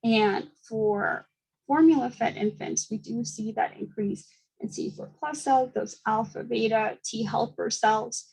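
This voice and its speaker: A young woman giving a seminar talk, speaking quickly with frequent fillers and small laughs. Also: on the high side, vocal fry, a little mellow, breathy edge, rough recording. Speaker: student presenter.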